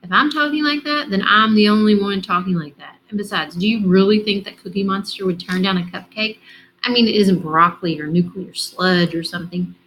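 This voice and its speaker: An excitable, goofy schoolboy who rambles and insists, as a woman reads him aloud. The storybook voice is only lightly changed from her own reading. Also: mid-range voice, brisk, a little hiss or hum, natural voice, poor audio. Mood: insistent.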